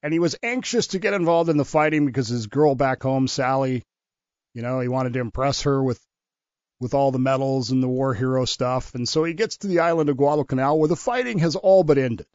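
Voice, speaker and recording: A man's voice: mid-range voice, a little fast, a little mellow, no echo. Male radio guest who explains history and tells stories. Muffled, dry studio audio. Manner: storytelling, explanatory. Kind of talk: talk radio history segment.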